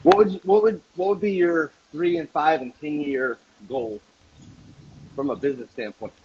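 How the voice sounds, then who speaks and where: A man's voice: on the high side, steady tone, normal speed, a little hiss or hum. A man hosting an interview, asking casual questions in an informal, laid-back way. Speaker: interviewer, host. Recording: dull, muffled lo-fi audio.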